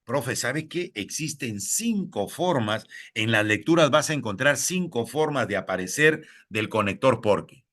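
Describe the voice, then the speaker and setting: A man with a Peruvian Spanish accent teaches at an unhurried pace, his voice bright and lively in pitch. He repeats each rule slowly and addresses the listener directly as a fellow teacher. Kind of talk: recorded lesson for teachers.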